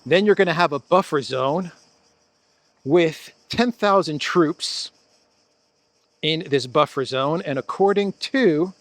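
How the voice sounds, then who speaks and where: A man's voice: on the high side, slow, pauses often, no room sound. Chatty sarcastic man, close and dry. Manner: chatty, sarcastic, laughs at own jokes, many fillers and restarts. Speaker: political commentary host. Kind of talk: casual solo commentary.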